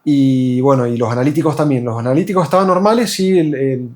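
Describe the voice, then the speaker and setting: A man's voice: mid-range voice, a little fast, darkish tone. A man from Argentina with an Argentine accent, telling his story as a patient in a hesitant, casual way full of fillers and restarts. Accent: Argentine Spanish. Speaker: patient giving a testimonial. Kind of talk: casual spoken testimony.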